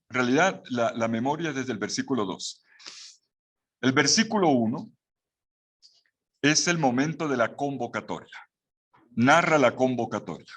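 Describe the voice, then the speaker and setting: A man's voice: mid-range voice, fairly bright tone, breathy edge. Man teaching a Bible course. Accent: Latin American Spanish. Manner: explanatory, with rhetorical questions and restarts.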